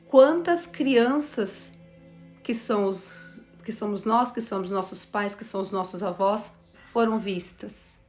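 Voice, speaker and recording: Slow, reflective woman lecturing. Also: medium pitch, a little mellow, soft background music. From Brazil. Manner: slow, reflective, addresses listeners with questions. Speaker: teacher of a course on systemic motherhood. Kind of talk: spoken lecture to a class.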